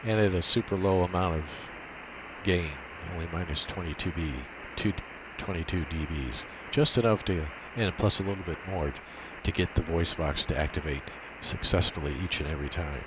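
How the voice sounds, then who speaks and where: With a deep, low voice at a moderate pace, an amateur radio demonstrator walks through a technical setup methodically and unscripted, one step after another. A steady, hissy noise sits clearly behind him.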